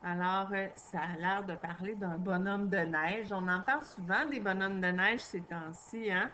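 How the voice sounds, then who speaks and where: A woman's voice: medium pitch, a little slow, sharp tone, highs cut off, a little hiss or hum. A woman teacher, patiently taking young children through a reading lesson and spelling out sounds.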